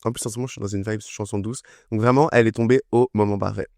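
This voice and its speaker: A man's voice: fairly low pitch, fairly even intonation, very fast, a little mellow, no room sound, clean studio sound. A young man casually reviewing an album, enthusiastic and chatty, with lots of fillers. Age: young adult. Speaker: music review vlogger. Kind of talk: casual chat.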